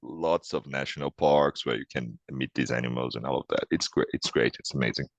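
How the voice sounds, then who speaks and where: A Brazilian man in his twenties speaks with a Brazilian Portuguese accent, answering interview questions in a casual, thoughtful way with restarts and soft laughs. His pitch is extremely low and his pace fairly quick. The audio is dull, with no room sound.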